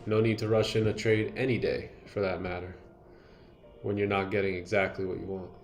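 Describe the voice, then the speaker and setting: Chill guy running a live trading stream, lowish voice, slangy, shouting out chat. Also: fairly quick, a little hiss or hum. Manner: relaxed, slangy, greets viewers by name. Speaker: livestream host and day trader. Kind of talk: casual livestream chat.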